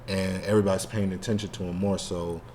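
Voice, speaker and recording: A deep, slightly mellow male voice delivers things flatly and quickly, with a bit of background noise. He's a co-host on a casual fan podcast, rambling along in slang and saying "like" a lot.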